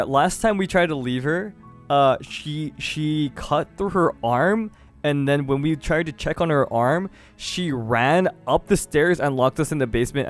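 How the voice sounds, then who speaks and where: A man live-streaming a game, chatting casually with amused, slangy reactions. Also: fairly high pitch.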